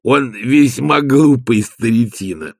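A man reading an audiobook, voicing a slow, gloomy male servant who talks in a deliberate, matter-of-fact way. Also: medium pitch, gravelly, dry recording, clean studio sound, pitched above the performer's own voice. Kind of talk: audiobook character voice.

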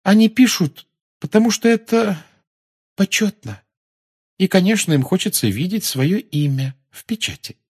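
A dreamy, slightly odd schoolgirl, put on by a male reader. She drawls slowly and placidly, in a raised, husky voice that drifts up and down. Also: high-pitched, animated, a little mellow, pitched above the performer's own voice, full character voice. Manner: dreamy, slow, unbothered.

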